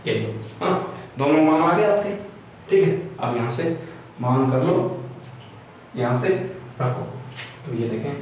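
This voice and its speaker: A man's voice: medium pitch, lively intonation, measured pace, long pauses, darkish tone, far from the mic. A young man teaching a math lesson at a board, working through each step and often checking with his listeners. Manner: explains step by step, repeatedly checks with "है ना". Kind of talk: whiteboard math lecture. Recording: very echoey room, off-mic, faint hiss.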